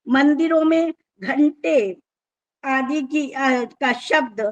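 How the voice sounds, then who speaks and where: A woman giving a formal, measured lecture on scripture, explaining step by step and sometimes restarting words. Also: high-pitched, dull audio.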